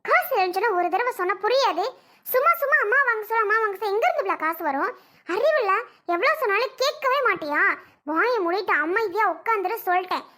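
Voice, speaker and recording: A harried mother, played by a performer in a family drama skit, curt and scolding. Her voice is bright and sharp, pitched high, and clipped. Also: quick pace.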